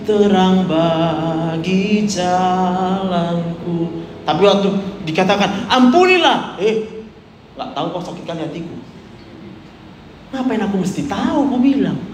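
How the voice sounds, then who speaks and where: A man preaching a chatty sermon, teasing the congregation and swinging from hushed to loud. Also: fairly high pitch. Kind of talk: conversational sermon. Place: church hall. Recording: echoey hall with faint room noise.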